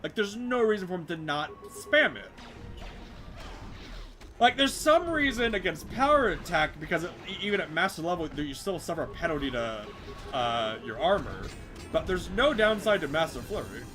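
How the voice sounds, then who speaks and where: A man's voice: fairly high pitch, big pitch swings, normal speed, music in the background. A man casually commenting while playing a video game, chatty and rambling, with lots of fillers and restarts. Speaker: streamer.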